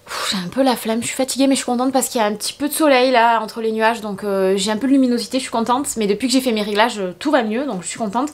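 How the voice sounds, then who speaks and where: A woman's voice: a little high, quick pace, hardly any pauses. A tired young woman, chatting casually through a get-ready-with-me vlog in her bedroom, rambling with many fillers. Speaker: beauty vlogger.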